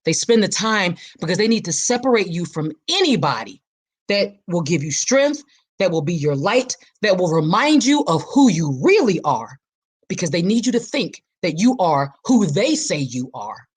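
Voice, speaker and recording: A woman's voice: lowish voice, big pitch swings, normal speed, slightly rough. A woman hosting her own podcast in an impassioned, preacher-like monologue, repeating phrases for emphasis. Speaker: podcast host.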